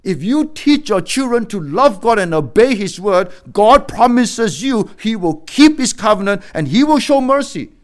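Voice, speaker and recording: A middle-aged man preaching a sermon as a pastor, swinging between loud exhortation and quiet, low warnings. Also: sing-song, moderate pace, hardly any pauses.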